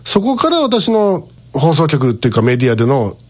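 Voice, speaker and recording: Middle-aged male radio host, lively storyteller, voice that rises and falls a lot. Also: on the high side, a little fast. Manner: animated, lively storyteller who chuckles between points. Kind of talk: casual storytelling monologue.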